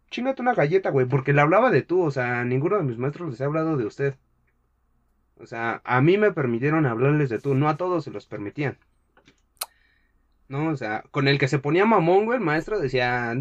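A young man with a Mexican Spanish accent hosts a podcast, chatting casually and telling a slang-filled story as an animated storyteller who acts out what people said. His voice is medium-pitched at a normal speed, and the audio sounds dull.

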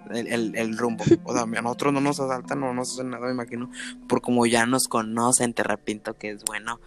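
A man's voice: mid-range voice, flat delivery, fairly quick, music in the background. A man with a Mexican accent, hosting a podcast in loose, slangy, rambling banter. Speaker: podcast host. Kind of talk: casual banter.

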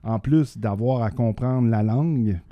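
A man's voice: mid-range voice, a little slow, no room sound, muffled recording. A middle-aged man with a Québécois accent, chatting casually and rambling with many restarts. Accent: Québécois French. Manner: rambling, many restarts and fillers, laughs often. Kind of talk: casual chat.

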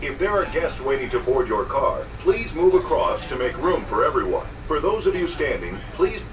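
A man giving polite, measured, prerecorded monorail announcements played over a train loudspeaker. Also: mid-range voice, sing-song, highs cut off. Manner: polite, measured, scripted delivery. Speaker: recorded transit announcer. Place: inside a moving monorail car. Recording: echoey loudspeaker heard from a distance, noisy.

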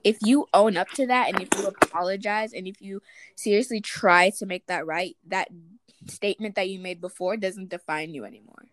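A woman's voice: mid-range voice, normal speed, a little hiss or hum. A young woman co-hosting a casual chat podcast, speaking earnestly and reflectively, speeding up when she makes a point. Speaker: podcast co-host.

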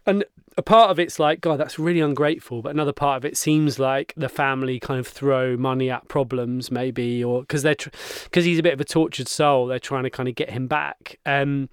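Chatty man with a smooth voice. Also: medium pitch, steady tone, normal speed, no room sound, clean studio sound. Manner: chatty, laughing, self-mocking. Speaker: podcast co-host. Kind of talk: casual film review chat.

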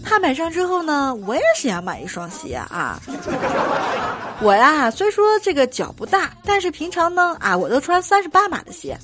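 A young woman performing a stand-up comedy story, animated and trailing her phrases with drawn-out particles. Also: high-pitched, music in the background. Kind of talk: comic storytelling monologue.

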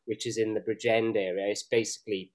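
A man's voice: lowish voice, little pitch movement, fairly quick, a little mellow. A man co-hosting a beer review show, chatty and jokey, often laughing. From Wales. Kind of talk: casual banter.

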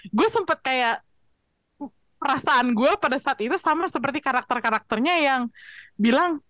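A woman hosting a casual film chat, expressive and chatty, slipping English phrases in. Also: high voice, normal speed, dry recording. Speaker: podcast host asking questions.

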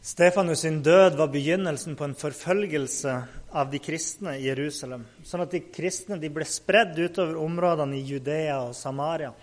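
A man with a somewhat high voice retells a Bible story in a relaxed, unscripted way. He pauses with fillers and restarts as he goes. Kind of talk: casual Bible story narration.

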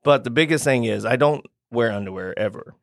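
A man, a podcast guest in casual chat, telling a profane, animated story and mimicking people. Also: mid-range voice, fairly quick, vocal fry, no echo, studio quality.

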